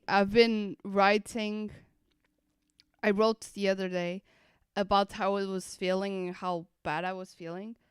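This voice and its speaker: Mid-range and clean, this woman's voice carries casual, playful live-stream chat as she plays a game for her audience. The close mic is dry with no room sound, and faint music plays behind.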